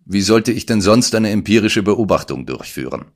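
A man reading an audiobook voices a calm, dryly ironic male detective who speaks with innocent-sounding irony. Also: sits low, moderate pace, creaky, pitched above the performer's own voice, exaggerated voice. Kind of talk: audiobook character voice.

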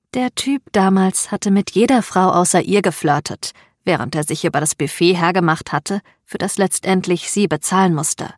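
A woman narrating an audiobook chapter in a calm, measured reading style. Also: lowish voice, dry recording, studio quality. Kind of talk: scripted narration.

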